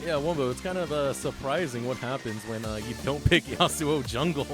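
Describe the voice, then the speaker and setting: A man giving live play-by-play commentary on an esports match, excitable and quick to laugh. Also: mid-range voice. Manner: excitable, laughs often, shouts big plays. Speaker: esports caster. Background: game music.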